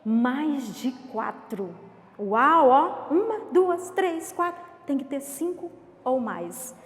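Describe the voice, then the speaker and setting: A woman's voice: high voice, very animated, a little mellow. A woman teacher with a Brazilian accent gives a playful home-school lesson to young children, counting aloud and asking questions. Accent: Brazilian Portuguese. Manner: reads words slowly and syllable by syllable. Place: home room. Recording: echoey room with long reverb.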